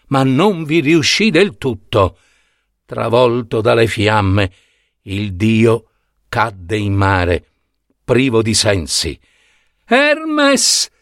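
A man's voice: on the low side, no echo, clean studio sound. A man narrating a mythological story in a scripted, dramatic manner. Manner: dramatic, wide-ranging storytelling.

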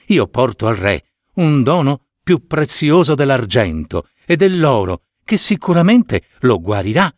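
A man voicing a humble, kind young princess in a storybook reading, speaking gently and pleadingly. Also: mid-range voice, very animated, measured pace, few pauses, no room sound, studio quality.

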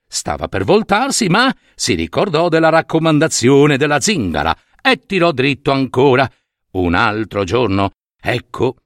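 A man telling a fairy tale, animated and talking to his listeners with little asides. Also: medium pitch, vocal fry, no room sound, studio quality. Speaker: storyteller.

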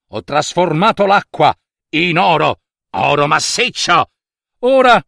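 A man voicing a greedy king who stammers with excitement and boasts about his gold. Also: on the high side, creaky, dry recording, studio quality, full character voice. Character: greedy overjoyed king, old-world ruler.

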